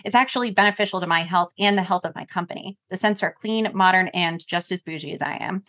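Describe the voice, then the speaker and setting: A woman's voice: fairly low pitch, fast talker, fairly bright tone. Woman co-host reading an ad. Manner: laughs often, playful and teasing. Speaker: podcast co-host. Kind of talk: casual chat and read ad.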